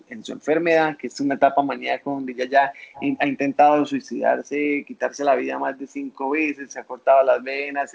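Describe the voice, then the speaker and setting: A young man with a Colombian accent, a guest in an interview, telling his life story in an animated way and acting out the voices of people he quotes. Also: mid-range voice, creaky, highs cut off.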